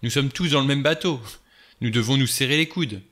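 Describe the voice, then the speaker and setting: A man's voice: medium pitch, brisk, a bit bright, voice pushed up, natural voice. A man reading a wry, cool adventurer. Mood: sardonic. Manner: wry and offhand.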